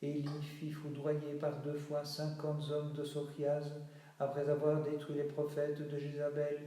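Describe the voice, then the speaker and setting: A man chanting a slow, solemn liturgical reading in a chapel, moving between spoken lines and sung refrains. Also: fairly high pitch, completely flat delivery, mellow. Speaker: reader of liturgical texts. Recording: very echoey chapel, voice from far off.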